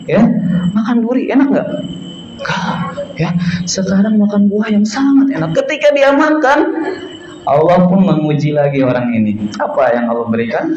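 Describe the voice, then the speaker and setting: A man's voice: high voice, slight background noise. A young man telling a religious story to children in a mosque, often asking the kids questions. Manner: asks the audience questions, lively. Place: mosque hall. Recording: echoey, slightly dull mosque recording.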